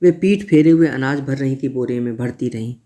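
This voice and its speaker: A man narrating a literary story in the first person, in a measured reading manner. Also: medium pitch, dark tone.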